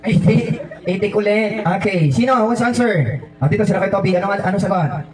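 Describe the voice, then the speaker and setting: A man's voice: high-pitched, fairly quick. A man hosting a children's birthday party as a clown, running guessing games in a playful, teasing way. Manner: playful and teasing, mixing English and Filipino. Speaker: party host dressed as a clown. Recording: echoey room, mic far off.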